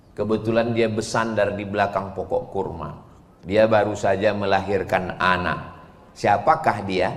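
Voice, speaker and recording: Unhurried preacher in a hall. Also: male voice, low voice. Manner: lively, teasing call-and-response with the audience. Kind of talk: sermon. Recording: echoey hall, long reverb.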